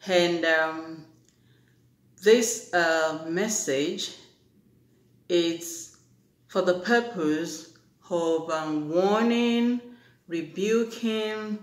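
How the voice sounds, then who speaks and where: A preacher giving an earnest, exhorting Bible teaching, with many pauses and fillers. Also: mid-range voice. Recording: echoey room.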